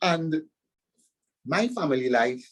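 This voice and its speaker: A man's voice: on the high side, lively intonation, slow pace, low-quality recording. A man from Trinidad and Tobago with a Trinidadian accent, a pastor and author answering interview questions with earnest, preacherly emphasis.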